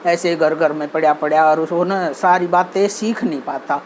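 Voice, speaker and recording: A woman's voice: deep voice, fairly even intonation, normal speed, slight background noise. Earnest Haryanvi woman giving advice. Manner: earnest, repeats herself, many fillers and restarts. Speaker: channel host giving advice. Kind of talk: casual talk on social behavior.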